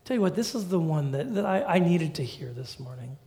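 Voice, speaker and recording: A middle-aged male pastor preaching a sermon in a conversational, animated way with humorous asides. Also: a little high, fairly quick.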